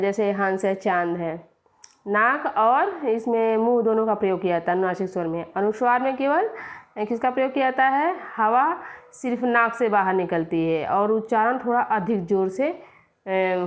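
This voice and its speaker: Woman teacher, fairly high voice, grammar lesson, asks and answers her own questions. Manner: explains step by step, quizzing and answering herself. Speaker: Hindi teacher.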